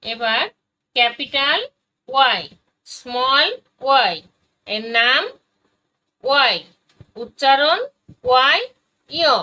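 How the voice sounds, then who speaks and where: Slow, bright woman teaching phonics. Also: high voice, low-quality recording. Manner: spells out letters and sounds one by one, patient and deliberate. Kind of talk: slow phonics lesson for young children.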